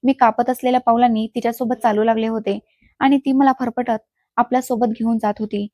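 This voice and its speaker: Woman narrator for spoken story, fairly high but flat, mellow, dry close sound. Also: a little fast, no echo. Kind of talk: first-person story narration.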